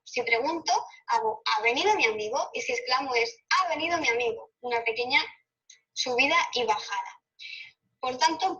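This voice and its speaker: A woman with a Spain Spanish accent teaching a grammar lesson, explaining clearly and asking rhetorical questions. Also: on the high side, bright, forceful tone, recorded from a distance, dull audio.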